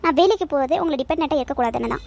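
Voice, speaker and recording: A woman's voice: sits high, expressive, racing, vocal fry, a little mellow. A woman voicing a firm, indignant cartoon working wife who argues back. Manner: firm, arguing.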